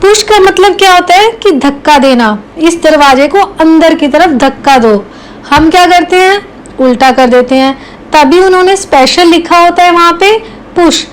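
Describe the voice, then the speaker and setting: A woman's voice: very high-pitched, animated, moderate pace, a little hiss or hum, poor audio. A woman teaching spoken English to learners. She repeats each example sentence word by word and answers her own questions. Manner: asks the learner questions, then answers them herself.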